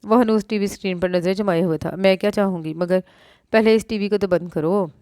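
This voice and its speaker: A woman with a Pakistani Urdu accent reading a romance novel aloud, voicing every character herself and lifting her pitch for the dialogue. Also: steady tone, brisk, warm tone, smooth, dry recording, clean studio sound. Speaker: novel narrator. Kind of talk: audiobook narration of a romance novel.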